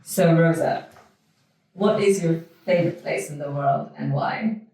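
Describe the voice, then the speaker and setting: A woman's voice: deep voice, unhurried, dark tone. A woman hosting a podcast interview, enthusiastic and chatty, with many ums and uhs. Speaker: podcast host. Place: indoor venue in London.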